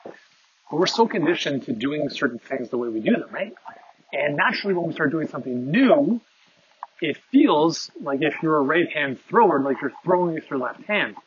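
Walking outside in the wind, a Canadian man delivers a loose podcast monologue full of fillers and tangents. His voice sits a little high, animated, at a normal speed. The earbud mic paired with his phone gives a dull, tin-can tone, and faint wind comes through.

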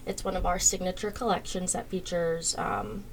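Low-voiced woman, easygoing with ums. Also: normal speed, a little hiss or hum, low-quality recording. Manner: relaxed, frequent ums while listing details. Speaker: home builder sales guest. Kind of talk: casual podcast chat.

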